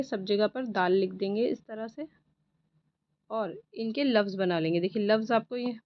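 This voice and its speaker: Teacher, female, patient, quizzes herself aloud; slightly high voice, lo-fi. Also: no echo. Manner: patient, asks and answers own questions. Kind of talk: exam paper walkthrough lesson.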